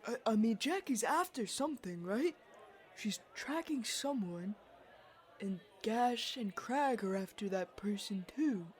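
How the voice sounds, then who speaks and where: A woman's voice: a little high, lively intonation, measured pace, a little mellow. A woman playing an awkward young agent who hesitates and stammers but stays upbeat. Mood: thoughtful. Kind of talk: audio drama acting.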